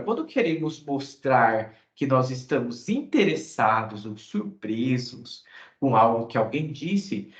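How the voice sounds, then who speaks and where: A man's voice: mid-range voice, reverberant, highs cut off. A Brazilian man with a Brazilian Portuguese accent teaches an English lesson, explaining step by step and checking with short tag words. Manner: acts out short example dialogues, reading English phrases slowly.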